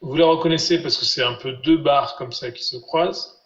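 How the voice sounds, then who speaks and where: A man teaching a live online class, patiently repeating syllables slowly for his students over a video call. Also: a little high. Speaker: Biblical Hebrew teacher. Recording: roomy, dull lo-fi sound.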